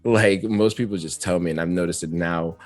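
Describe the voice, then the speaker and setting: A man's voice: sits low, fairly quick, no echo. A man, a rapper, chatting as an interview guest, talkative and reflective and laughing often. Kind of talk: casual interview chat.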